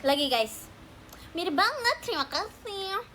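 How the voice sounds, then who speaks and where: A woman's voice: very high-pitched, big pitch swings, measured pace, noisy background. A teenage girl hosting a casual livestream chat with fans, playful and teasing, talking at home at night. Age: teens. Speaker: idol livestream host.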